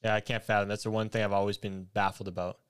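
A man's voice: fairly low pitch, little pitch movement, fast talker, smooth, dry recording. Bro-ish man hosting, clean and close. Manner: bro-ish, slangy, swearing. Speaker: podcast host. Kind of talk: casual podcast chat.

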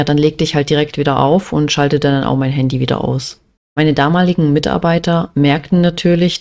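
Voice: mid-range voice, darkish tone. Matter-of-fact young vlogger from Germany. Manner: matter-of-fact, many "ja" and "halt" fillers. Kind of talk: personal storytelling.

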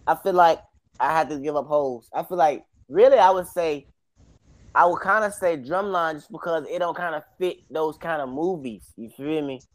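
A man's voice: a little high, moderate pace. An American man in a casual podcast debate, reasoning aloud in colloquial speech.

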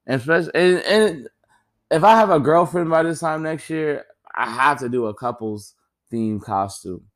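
A young man hosting a podcast, doing a rambling, joking solo monologue full of swearing, his pitch jumping up when he gets excited. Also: moderate pace. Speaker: podcast host. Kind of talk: casual comedic monologue.

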